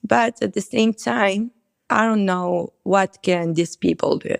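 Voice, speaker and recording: A Moroccan woman in her twenties, whose first language isn't English, answers interview questions in English hesitantly, often searching for words. Her gravelly voice is medium-pitched and slow, recorded at studio quality with no room sound.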